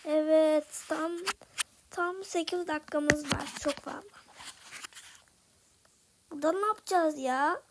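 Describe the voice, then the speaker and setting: Young female gaming creator, high voice, frustrated chatter to viewers, faint noise behind. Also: takes it slowly, pauses often. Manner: frustrated, talks to viewers while playing. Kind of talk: casual gameplay commentary.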